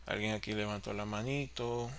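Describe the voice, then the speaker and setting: A man teaching an online class on office software, explaining step by step and answering his own questions. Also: fairly low pitch, fairly even intonation, normal speed, slight background noise. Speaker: course facilitator.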